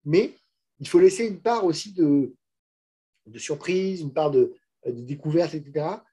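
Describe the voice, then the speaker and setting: A man's voice: on the high side, animated, unhurried, warm tone, husky. A middle-aged French man speaking frankly and casually to students in a master class, with many restarts and fillers. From France. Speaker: managing director and guest speaker.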